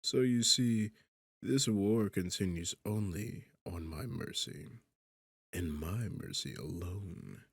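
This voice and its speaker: A man's voice: sits low, expressive, slow pace, vocal fry, husky, no room sound, clean studio sound, full character voice. A man playing an arrogant, sarcastic demon king in a seductive fantasy ASMR roleplay, with a smug, teasing, condescending manner. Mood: smug, boastful. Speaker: audio roleplay performer.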